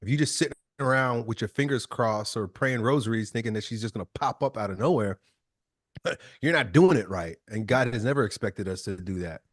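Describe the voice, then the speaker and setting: Blunt, animated male podcast guest. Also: lowish voice, a little fast, dry recording, clean studio sound. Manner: blunt, animated storyteller with loose, casual swearing. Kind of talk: casual interview chat.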